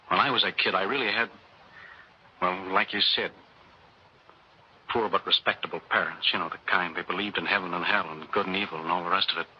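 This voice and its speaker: A low-pitched, natural male voice belongs to an actor in a 1960s radio drama, playing a plain-spoken working man full of moral indignation who talks in earnest, colloquial phrases. He sounds hesitant and brooding, and the old radio recording is muffled and hissy.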